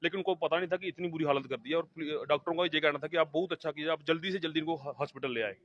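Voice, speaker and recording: Male eyewitness relative, rapid and emphatic, fairly high pitch, on-location interview. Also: a bit bright. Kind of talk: on-the-spot interview. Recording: dull, lo-fi field audio.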